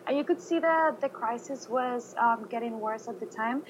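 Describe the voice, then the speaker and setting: A woman's voice: on the high side, normal speed, dull audio, a little hiss or hum. A woman, earnestly answering interview questions. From Venezuela. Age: 20s. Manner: earnest, unscripted account.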